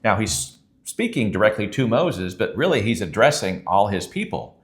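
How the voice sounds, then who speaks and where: A man's voice: lowish voice, big pitch swings, moderate pace. A man who is a pastor, teaching a sermon in an earnest, conversational way and reading scripture aloud.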